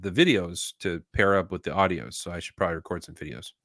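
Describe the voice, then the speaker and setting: A man with a lowish voice co-hosts a casual knife talk show. He rambles easily, full of ums and uhs. The sound is dry and close, with no room echo. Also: quick pace, a bit bright. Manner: rambling, easygoing, many fillers. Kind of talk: casual chat.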